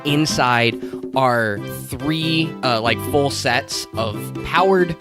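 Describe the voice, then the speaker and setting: A man's voice: medium pitch, slow, over music. A man narrating as game master, describing scenes with frequent ums and uhs. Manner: descriptive with many fillers.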